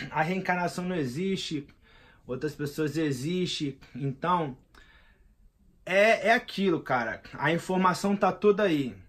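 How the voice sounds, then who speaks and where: A man's voice: a little high, fairly bright tone. A man in his thirties with a Brazilian Portuguese accent, vlogging in a slangy, emphatic, rambling monologue. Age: 30s. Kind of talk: casual monologue.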